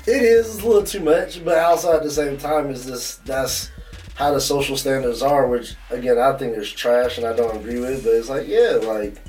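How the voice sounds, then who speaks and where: A man's voice: mid-range voice, normal speed, a little mellow, recorded from a distance, faint music behind. A man hosting a podcast in casual, profane, laid-back banter. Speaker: podcast host.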